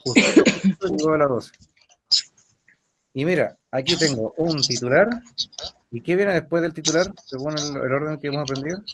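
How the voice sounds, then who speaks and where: A man's voice: on the high side, normal speed, long pauses, a little hiss or hum. Chilean man teaching a language lesson. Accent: Chilean Spanish. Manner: questioning a student, patient and explanatory. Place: online class session.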